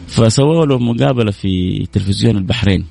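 Signing off his radio show, a male host chats casually with listeners, joking and laughing often. His warm voice is fairly low, fast, and creaky.

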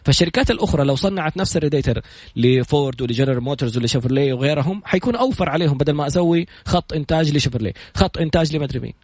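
A man with a Saudi accent telling stories in a motivational talk, retelling what others said with quick, animated delivery. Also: a little high, no echo. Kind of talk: motivational storytelling monologue.

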